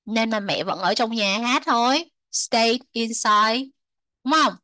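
A woman teaching English to children, repeating words slowly, translating them and chatting with soft sentence endings. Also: fairly high pitch, no echo. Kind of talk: explaining a textbook lesson to children.

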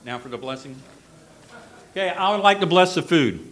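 A middle-aged man from the southern United States giving a father-of-the-bride wedding toast, speaking in a deliberate, earnest, storytelling way. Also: a little high, animated, a bit bright, rough recording.

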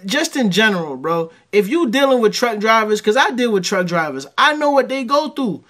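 A man's voice: sits high, big pitch swings, moderate pace, a bit bright. Blunt man reacting to clips. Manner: blunt, conversational, lecturing. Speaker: reaction video host. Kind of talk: casual reaction commentary.

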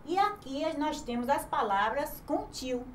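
Slow, patient woman teaching children. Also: high voice, lively intonation, a little hiss or hum. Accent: Brazilian Portuguese. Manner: slow, patient, spelling words out syllable by syllable; asks the class questions and answers them herself. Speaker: primary school teacher. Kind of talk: online grammar lesson for children.

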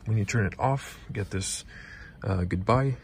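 A young man whose first language is Croatian, giving a casual walkaround car review in a showroom, talking haltingly with many fillers into a handheld camera. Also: fairly low pitch, creaky, darkish tone, a little hiss or hum. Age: young adult. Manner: halting, many fillers, non-native phrasing. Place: car dealership showroom, inside a car. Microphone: handheld camera close to face.

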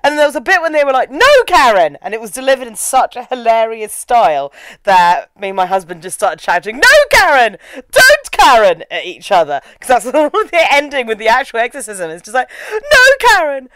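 A woman co-hosting a movie review, talking in a sarcastic, animated way and mimicking characters. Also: fairly high pitch, brisk, clear, resonant tone, dry recording. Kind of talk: casual chat.

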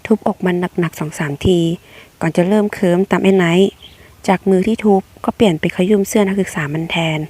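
A woman's voice: medium pitch, a little fast, darkish tone. A woman reading a romance web novel aloud, narrating in a blunt, slangy first-person voice. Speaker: audiobook reader.

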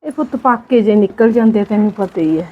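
A woman acting as a meek elderly village mother in a homemade family drama, speaking softly in a pleading, resigned way. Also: mid-range voice, brisk, husky, narrow, tinny audio, close to an everyday voice. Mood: gentle. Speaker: neglected old mother in a family skit.

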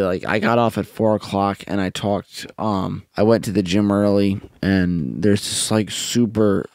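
A man's voice: low-pitched, vocal fry, a little mellow, no echo. A man in his twenties giving a casual, drunk and rambling review into a close microphone. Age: 20s. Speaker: music reviewer. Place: small home music room, indoors. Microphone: close boom-arm microphone with headphones.

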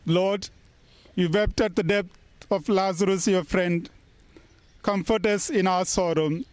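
A man speaking as a priest, reading solemn graveside prayers in a measured, deliberate way with pauses between phrases. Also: high-pitched, steady tone, no echo. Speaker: priest leading a funeral burial service. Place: funeral service in New Delhi.

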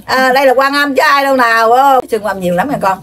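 An older woman with a Southern Vietnamese accent, rambling on in a lecturing, scolding way, full of drawn-out filler sounds. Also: high voice, fairly bright tone. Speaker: self-proclaimed spiritual elder receiving visitors. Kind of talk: rambling, preachy monologue.

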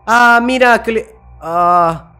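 A man with a Mexican accent commenting on a horror game as he plays, jumpy and full of slang, who yells and laughs when something startles him. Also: high voice, slow pace, clear, resonant tone, soft background music. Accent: Mexican Spanish. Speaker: gaming YouTuber.

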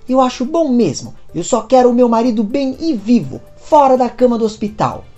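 Lady reading as a scared soap mom, pleading, lots of up-and-down questions, darkish mellow tone. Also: fairly high pitch, big pitch swings, normal speed, dull audio, soft background music, pitched above the performer's own voice. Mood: upset. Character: worried middle-aged mother and wife.

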